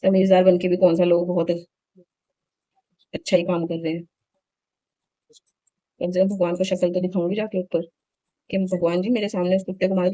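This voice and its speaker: A woman's voice: mid-range voice, mellow, dry recording, lo-fi sound. A woman in her thirties chatting casually in a home vlog, telling a story in an indignant, talkative way. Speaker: vlogger.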